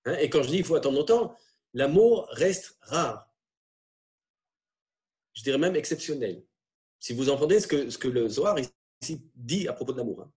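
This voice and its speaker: A man lecturing on religious texts, explaining in a halting way with frequent tag questions. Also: medium pitch, animated, darkish tone.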